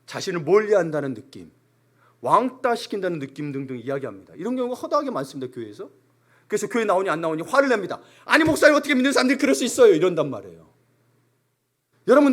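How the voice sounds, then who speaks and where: A male pastor preaching a sermon in a church, speaking with emphasis and briefly acting out the voices of ordinary people. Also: sits high. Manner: animated, emphatic, briefly acts out everyday complaints. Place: church sanctuary.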